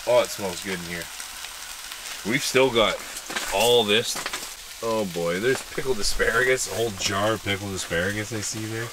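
A man's voice: fairly low pitch, moderate pace, background noise. A man in casual, upbeat chat about ice fishing and camp life. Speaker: outdoor vlogger. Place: frozen lake outdoors, heated tent, truck cab.

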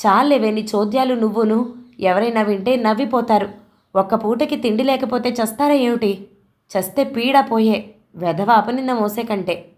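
A woman's voice: on the high side, moderate pace, a little mellow, pitched above the performer's own voice, lightly acted. A woman voicing a stern older aunt in a storybook reading, snapping and scolding.

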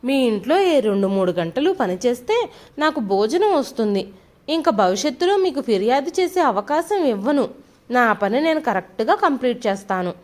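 A meek, poor old man humbly apologizes and begs in an audio storybook, as a woman narrator reads his part. The reading stays high and lively. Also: moderate pace. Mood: pleading. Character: poor elderly man, timid and pleading worker.

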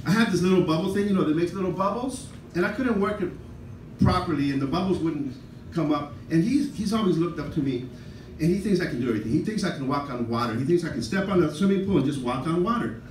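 An older man with a Mexican-American accent works a comedy club stage, rambling through self-deprecating stories and tossing asides to the crowd. His voice sits on the high side for a man. The sound is roomy and distant, with a faint hum of the club behind him. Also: lively intonation, fast, darkish tone. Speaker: stand-up comedian. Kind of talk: stand-up comedy set. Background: audience laughter.

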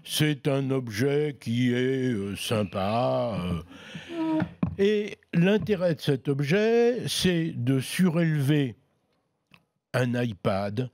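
A man's voice: medium pitch, animated, drawn-out words, darkish tone, no room sound, studio quality. A man chatting casually as a tech columnist, explaining products in an easygoing way with frequent hesitations. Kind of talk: casual product review chat.

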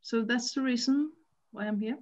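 A woman's voice: a little high, normal speed, darkish tone, lo-fi sound. A woman from Sweden, a native Swedish speaker, talking casually on a video call. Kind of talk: casual self-introduction.

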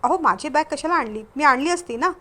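A friendly young man waiting for his bus, chatty and a bit loud, his voice sitting fairly high, as a woman storyteller puts him on. he's warm and easygoing in this spoken storybook. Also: lively intonation, fairly quick.

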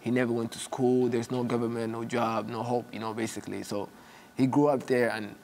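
Young man from Somalia, TV interview guest, mid-pitched, halting and soft-spoken, lapel mic in a studio. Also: little pitch movement, gravelly, a little hiss or hum. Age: young adult. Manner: hesitant, soft-spoken, many "you know" fillers. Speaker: actor guest. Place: TV studio set, indoors.

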